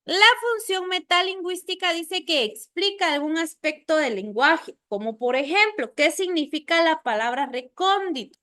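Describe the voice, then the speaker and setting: A woman's voice: very high-pitched, normal speed, hardly any pauses. A woman teacher lecturing a class, explaining with everyday examples and often checking in with "¿verdad?". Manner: acts out little quoted scenes in lively voices.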